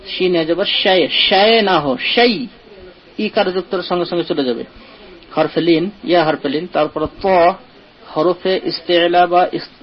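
A man teaching the rules of Quran recitation, explaining each rule step by step and slowly chanting the example words. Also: on the high side. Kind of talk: online tajweed lesson explanation. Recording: dull lo-fi audio.

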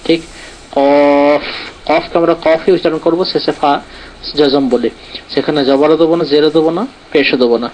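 Guy teaching an online class, slightly high voice, goes step by step, muffled call audio with a bit of hiss. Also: steady tone, normal speed, a little mellow. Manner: patient, explains step by step, reads from a textbook. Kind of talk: online lesson on Arabic letters and pronunciation.

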